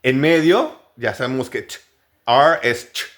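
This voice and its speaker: A man's voice: medium pitch, expressive, a bit bright. A man from Mexico with a Mexican Spanish accent, giving a pronunciation lesson and repeating each practice word several times. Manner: slow, repeats words many times as drills. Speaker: English pronunciation teacher.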